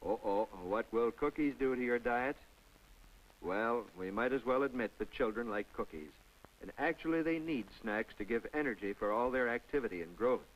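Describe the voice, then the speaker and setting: Folksy and instructive, a man narrates a scripted 1950s public information film, now and then addressing the viewer directly in a chatty aside. His voice sits in the mid range, and the highs are cut off on this vintage film soundtrack.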